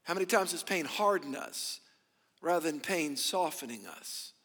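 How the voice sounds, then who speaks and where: Preacher guy on a pulpit mic, highish voice, punchy, lots of call and response, long churchy echo. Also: expressive, moderate pace, fairly bright tone, slightly rough. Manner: emphatic, rhetorical questions, call-and-response with congregation. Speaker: pastor. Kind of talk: sermon. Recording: long church-hall reverb.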